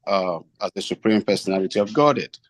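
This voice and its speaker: A man asking a formal, reverent question as a devotee, deliberately, phrase by phrase. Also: low voice, no room sound.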